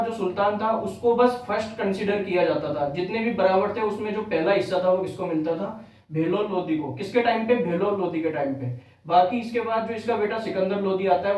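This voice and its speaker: An exam-prep history teacher with a high-pitched, darkish voice is heard off-mic from a distance, the room very echoey. He blends English terms into his Hindi, repeats each key fact as a question and follows it with the answer.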